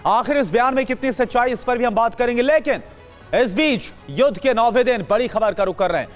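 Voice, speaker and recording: A woman's voice: fairly high pitch, fairly quick, soft background music. A woman anchoring a live television news broadcast, reading breaking updates and putting questions to guests.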